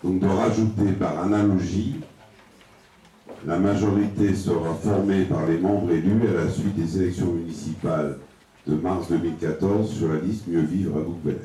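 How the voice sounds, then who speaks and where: A man reading out formal amendments at a municipal council meeting, in a measured and formal way, his voice carried by a heavy cathedral-like echo from far off in a large hall. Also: low voice, fairly even intonation, dark tone. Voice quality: measured, formal, reads out legal wording. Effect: heavy cathedral-like echo, voice heard from far off in a large hall. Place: large echoing council chamber. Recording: very echoey distant hall recording with faint noise.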